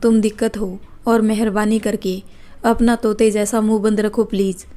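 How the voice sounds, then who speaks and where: A woman's voice: medium pitch, flat delivery, moderate pace, warm tone, natural voice. Woman reading a stern, irritated young teacher. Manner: curt, annoyed scolding.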